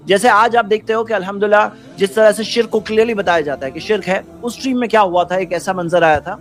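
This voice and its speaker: A man with a high voice, an Islamic preacher, gives an earnest religious talk full of rhetorical questions, quoting Arabic before explaining it. Faint music plays behind him.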